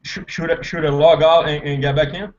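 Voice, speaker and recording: A man from Brazil, a guest on a live market show, speaks with a hesitant, halting delivery over a crackly remote call line that keeps breaking up. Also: a little high, flat delivery, darkish tone. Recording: muffled lo-fi headset call audio.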